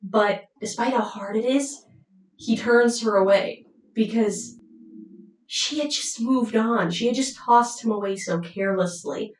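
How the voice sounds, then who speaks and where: Unhurried woman retelling a story. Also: fairly high pitch. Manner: chatty, unhurried, with pauses. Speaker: storyteller summarizing an opera. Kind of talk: casual storytelling. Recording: roomy, mic at a distance.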